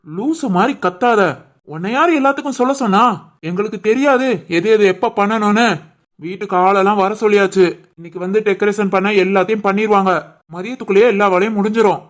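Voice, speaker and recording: A woman's voice: high voice, normal speed, darkish tone. Woman voicing a remorseful cartoon uncle. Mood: irritated. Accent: Tirunelveli Tamil. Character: remorseful middle-aged uncle, gruff to his wife.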